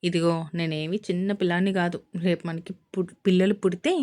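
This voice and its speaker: Playful young husband voiced by a woman, teasing banter, a bit lower than her own voice, romance audio drama. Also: flat delivery, a little fast, a little mellow, close to an everyday voice.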